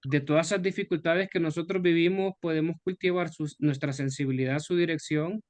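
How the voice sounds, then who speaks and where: A man's voice: fairly high pitch, fairly even intonation, fairly quick, a little mellow, no room sound. A man, a pastor, leading a Bible study discussion in a conversational way and asking the group questions.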